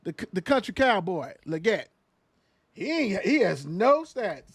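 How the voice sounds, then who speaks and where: A man hosting a casual sports talk show, riffing in animated, slangy banter with plenty of fillers. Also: sits high, a little slow, slightly rough, no room sound.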